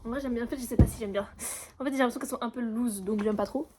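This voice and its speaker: This French university student vlogs in a casual, slangy style, laughing at herself and dropping English words into her speech. The young woman's voice is on the high side and very fast, and the recording is very noisy.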